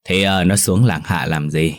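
A man with a deep voice voicing a gruff, scolding old village elder in a storybook tale. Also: steady tone, normal speed, natural voice. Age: older.

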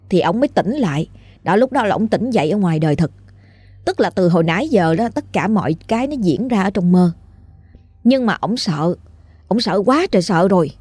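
Brief: Southern Vietnamese woman, folksy ghost-story narrator, mellow dry voice. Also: mid-range voice, husky, no room sound.

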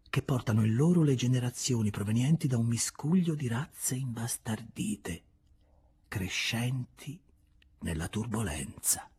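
Un uomo che legge ad alta voce un romanzo classico, con ritmo misurato ed espressivo, a tratti quasi sussurrando. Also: male voice, on the low side, husky. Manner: measured, expressive, sometimes dropping to a whisper. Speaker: audiobook reader. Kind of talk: literary audiobook narration.

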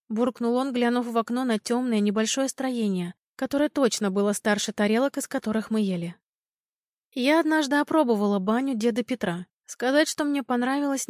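Woman narrator for first-person audiobook, wry and ironic, somewhat high voice, dry close sound. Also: no echo.

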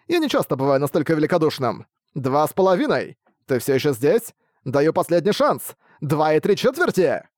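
A man voicing a mocking unseen stranger in an audiobook, counting down slowly and taunting. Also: on the high side, big pitch swings, a little mellow, no echo, clean studio sound. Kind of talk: audiobook reading.

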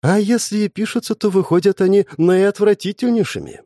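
A man reading a storybook, voicing a patient older investigator who lectures in a measured way. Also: high-pitched, warm tone, dry recording, studio quality, pitched above the performer's own voice. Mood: lecturing.

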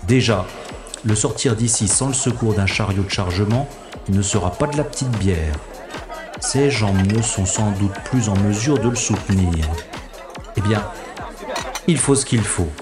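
In a science-fiction audio drama, the lead actor plays a cocky, wry male special agent who theatrically narrates his own scrapes, talking himself through trouble in slangy fashion. His voice is on the low side, a little slow and lightly acted, with music under it.

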